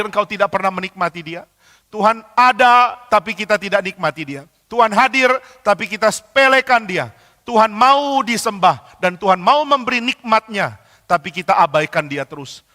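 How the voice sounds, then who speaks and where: A man's voice: high voice, sharp tone, long reverb tail. A man preaching a sermon as pastor. He acts out quoted dialogue and builds to emphatic repeated lines.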